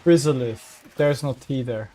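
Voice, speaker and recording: A man's voice: medium pitch, normal speed. A man playing a co-op game with a friend, chatting casually with dry, sarcastic humor. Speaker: co-op gaming partner. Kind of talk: casual gaming chat.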